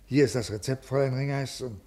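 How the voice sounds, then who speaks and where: Actor as middle-aged official in classic radio play; husky, officious, rules first. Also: male voice, medium pitch, quick pace, dark tone, natural voice. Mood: weary. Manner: formal, officious. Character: stiff, rule-bound male official, weary and ailing. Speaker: government official. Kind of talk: classic radio drama acting.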